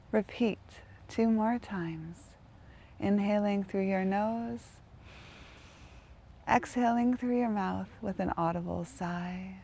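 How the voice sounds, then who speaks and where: Her voice is medium-pitched and gravelly as this woman guides a meditation, gentle, unhurried, and spaced with long pauses between phrases. Slight background noise is audible.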